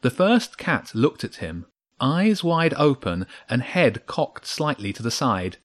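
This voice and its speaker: A man narrating a children's storybook in a steady, measured read. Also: medium pitch.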